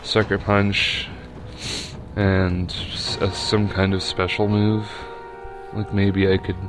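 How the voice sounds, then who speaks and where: A young man with a lowish voice talks his way through a game battle at a slow, easy pace. He rambles and restarts his sentences, with plenty of ums along the way. Faint music plays underneath. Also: level tone. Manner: rambling and unhurried, with many fillers and restarts. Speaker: video game player. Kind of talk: casual commentary over a game battle.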